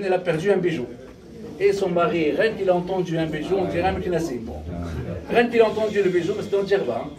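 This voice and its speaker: A man, giving a storytelling sermon at a memorial gathering and acting out the dialogue. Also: high voice. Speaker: rabbi giving a talk. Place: gathering hall with audience. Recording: distant mic with crowd noise.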